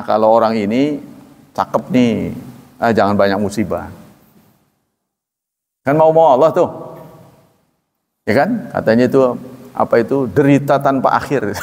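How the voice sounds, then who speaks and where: A middle-aged man preaching a conversational religious lecture, animated and full of rhetorical questions, often acting out little dialogues. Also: mid-range voice, big-room sound. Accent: Indonesian. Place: mosque or lecture hall.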